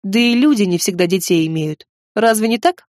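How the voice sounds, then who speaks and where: A woman's voice: mid-range voice, fairly quick, a little mellow, no echo, clean studio sound, lightly acted. A woman reading aloud, voicing a boastful, grumbling bearded wizard man of about fifty who speaks with sarcasm. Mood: sarcastic.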